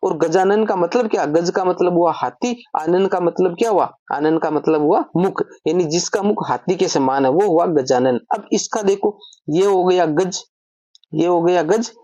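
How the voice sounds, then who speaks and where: A woman's voice: on the low side, moderate pace, mellow, dry recording. A woman teaching an online grammar lesson, explaining step by step and asking and answering her own questions.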